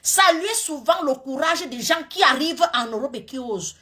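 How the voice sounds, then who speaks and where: A woman's voice: high voice, animated, normal speed, bright, forceful tone. Scolding woman. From Cameroon. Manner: scolding, heated, talks straight at critics. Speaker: social media comedian and commentator. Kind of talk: live social media rant to viewers.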